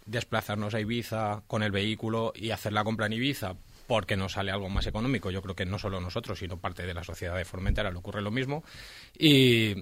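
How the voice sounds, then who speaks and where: Male officer guest, radio studio, measured and explanatory, dry close sound. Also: lowish voice, fairly bright tone, no echo. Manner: measured, explanatory, with frequent fillers. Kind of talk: radio interview answers.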